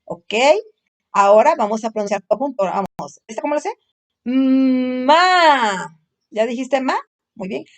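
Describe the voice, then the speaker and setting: A woman giving a phonics lesson to a young child at home, sounding out letters slowly and patiently coaxing the child to repeat. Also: high voice, lively intonation. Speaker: teacher.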